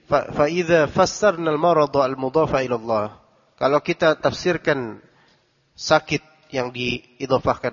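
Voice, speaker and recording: A man teaching a religious study lesson, translating Arabic text phrase by phrase and quizzing his listeners. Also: mid-range voice. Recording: dull recording with long hall reverb.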